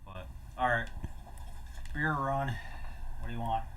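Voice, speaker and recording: A man's voice: mid-range voice, a little slow, bright, forceful tone, distant mic, slight background noise. Young man chatting casually while gaming. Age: young adult. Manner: laughing storyteller, swears freely. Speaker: co-host of a gaming video.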